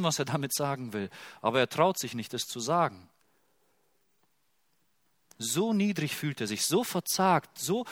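A man preaching a sermon, telling a Bible story and switching from hushed quotes to loud, emphatic passages. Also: mid-range voice, dry recording. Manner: expressive, swings from hushed to loud when quoting.

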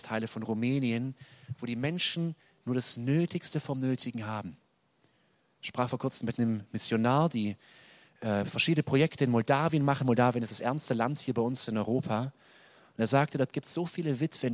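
Man preaching with loud and soft swings. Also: medium pitch, dry recording. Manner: dynamic preaching, loud emphatic peaks dropping to soft quiet lines. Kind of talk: sermon.

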